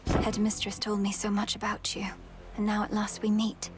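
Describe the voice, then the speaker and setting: An actress playing a determined young witch princess in a video game, formal, earnest and breathy, over music. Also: mid-range voice, monotone, moderate pace, lightly acted. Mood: solemn, resolute. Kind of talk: video game character acting. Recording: music behind the voice.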